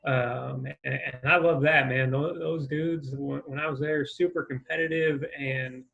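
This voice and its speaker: Male ex-coach, gravelly fry, hesitant and reflective, muffled video-call sound. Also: medium pitch, steady tone, measured pace, fairly bright tone. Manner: thoughtful, hesitant with many ums. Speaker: former assistant baseball coach. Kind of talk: casual video-call interview.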